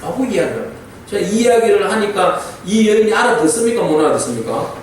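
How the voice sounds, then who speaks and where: High, lively pastor in an echoing church. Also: male voice, fast talker, a little hiss or hum. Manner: asks the congregation rhetorical questions. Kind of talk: sermon. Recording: very echoey church hall, distant mic.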